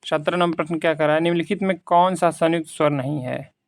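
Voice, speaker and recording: A man teaching Hindi grammar through quiz questions. He reads out the options slowly, then explains them in casual, conversational Hindi. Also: on the high side, steady tone. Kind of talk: quiz lesson, reading questions and explaining answers.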